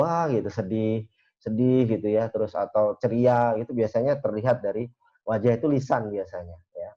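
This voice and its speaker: A man giving a university lecture in a casual, conversational way, full of fillers. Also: mid-range voice. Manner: conversational, uses many fillers. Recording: dull lo-fi recording.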